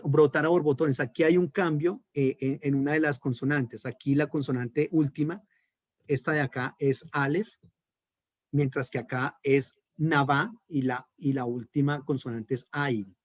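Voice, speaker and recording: Emphatic Colombian pastor lecturing. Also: male voice, a little high, darkish tone, no echo, clean studio sound. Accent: Colombian Spanish. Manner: emphatic, checks in with frequent "¿listo?". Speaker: pastor and theology teacher. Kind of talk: online class lecture.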